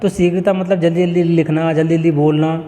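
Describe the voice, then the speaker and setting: A man teaching a college class, explaining step by step and often pausing to check the class is following. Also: a little high, level tone, dark tone. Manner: explains with frequent checks of "ठीक है". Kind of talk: classroom lecture. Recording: long hall reverb.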